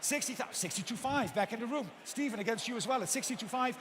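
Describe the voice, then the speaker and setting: A male auctioneer with a very high-pitched voice rattles through bids at a quick clip. He repeats the numbers insistently and courteously prods the bidders for more. His voice rings out across a big, reverberant hall. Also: animated. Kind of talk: live auctioneer bid calling. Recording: echoey hall PA with background noise.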